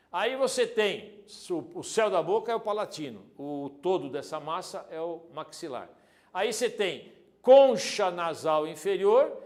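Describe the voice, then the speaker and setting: This exam prep teacher's voice sits high as he presents an anatomy video lesson. He's lively and jokey, addresses the student directly, and his volume swings from loud to soft.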